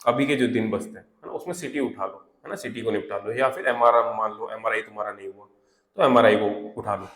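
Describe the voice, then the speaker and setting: A man's voice: lowish voice, a bit bright. Man teaching in an echoey room. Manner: conversational, repeats fillers like "theek hai" and "hai na"; reads English notes aloud slowly, word by word. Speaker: exam prep teacher. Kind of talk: casual exam tips lesson.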